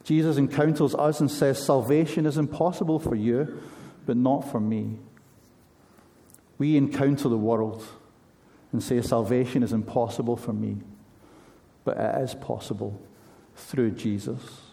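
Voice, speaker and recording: A man's voice: medium pitch, fairly even intonation, unhurried, creaky, mellow. A man preaching a sermon in an earnest, conversational way, asking his listeners pointed questions.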